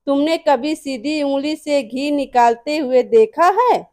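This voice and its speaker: A woman's voice: sits high, slow pace, a little mellow. A woman voicing a sly young village man who scoffs at and teases his neighbor. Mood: scornful. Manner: scornful, teasing.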